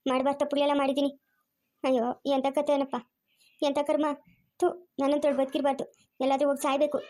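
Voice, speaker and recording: A woman's voice: sits high, little pitch movement, fast, mellow, close to an everyday voice. A woman acting a regretful young woman in an amateur family drama, wailing and blaming herself. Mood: bitter. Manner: wailing, self-reproaching. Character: young woman who ran off, full of regret.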